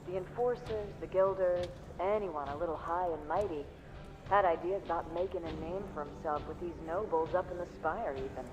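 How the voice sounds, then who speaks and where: An actor voices a chatty, gossipy male bartender from a rough underhive in a game cutscene, sharing barroom gossip in a casual, confiding way. His voice is high-pitched, the pace moderate, and the acting light. The sound is dull and noisy beneath clear music.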